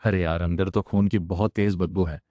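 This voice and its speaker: A man with a fairly low voice tells a fantasy comic story in a dramatic recap, acting out each character's lines in turn. He is recorded close to the mic in a dry room with no echo. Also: fairly even intonation, normal speed, dark tone. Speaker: recap narrator. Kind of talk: dramatic manhwa recap voicing all characters.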